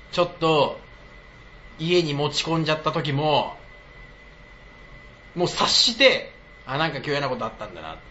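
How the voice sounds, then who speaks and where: A man talking casually on a live stream with a bright, forceful tone and a pitch that swoops wildly up and down. He is blunt and teasing and laughs often, and the audio sounds slightly muffled and lo-fi. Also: slight background noise. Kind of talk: casual livestream chat.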